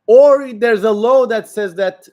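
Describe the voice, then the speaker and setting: A man from Turkey with a Turkish accent hosts a casual livestream, answering viewers in an opinionated, emphatic, rambling manner. His voice is very high-pitched and a little mellow, and he takes his time.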